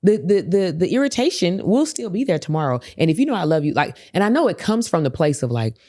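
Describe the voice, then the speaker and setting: A woman co-hosting a casual couples podcast, talking in an animated, laughing way and often slipping into playful quoted voices. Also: lowish voice, quick pace, no room sound, clean studio sound. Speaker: podcast co-host.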